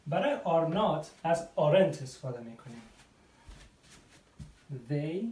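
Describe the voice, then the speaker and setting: A male English teacher, giving a whiteboard grammar lesson. He reads English examples slowly and draws them out, then explains quickly. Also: fairly high pitch, very animated, a little mellow, a little hiss or hum. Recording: roomy, distant mic.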